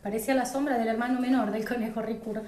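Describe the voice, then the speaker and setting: A woman reading a children's story aloud in an expressive, unhurried way. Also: a little high, a little hiss or hum. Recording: roomy echo.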